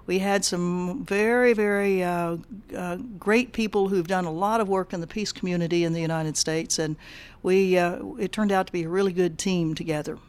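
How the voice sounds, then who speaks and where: Older woman, halting guest answers. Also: fairly low pitch, fairly even intonation, darkish tone. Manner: halting, many fillers and restarts. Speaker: guest, peace activist. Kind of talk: casual interview answers.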